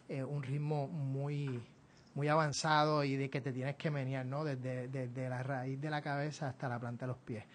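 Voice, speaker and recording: A man's voice: fairly high pitch, slight background noise. A man with a Puerto Rican Caribbean Spanish accent hosts a conversational radio interview, reflective and hesitant in his phrasing. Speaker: radio show host interviewer.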